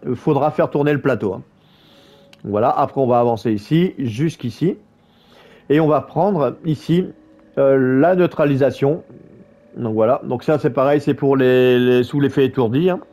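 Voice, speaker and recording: This mid-range male voice moves at a normal speed with a mellow quality. As a gaming YouTuber, he explains a build in a loose voice-over for a gameplay guide, tripping over words and restarting often amid plenty of fillers.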